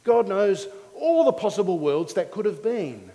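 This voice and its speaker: A man preaching a teaching sermon in a measured, didactic way, explaining things simply in short phrases. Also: high voice, big pitch swings, mellow. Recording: long hall reverb.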